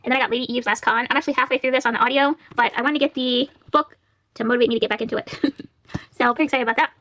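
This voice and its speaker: A book vlogger chats casually about her library haul, laughing a lot and reading the blurbs from the back covers aloud. She races along with a fairly high pitch and fairly even intonation, her tone bright and forceful.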